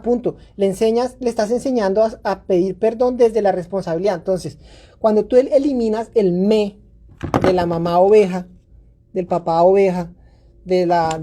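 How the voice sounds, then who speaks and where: A woman's voice: medium pitch, warm tone. A woman in her thirties hosting a parenting podcast, talking casually and earnestly as a coach, sometimes acting out a scolding parent. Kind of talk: casual advice talk.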